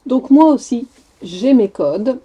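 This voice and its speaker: A woman travel vlogger chats casually while tidying up. Her voice sits a little high, and she talks in a loose, hesitant way with plenty of fillers. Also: expressive, takes it slowly, husky, muffled recording. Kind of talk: casual chat.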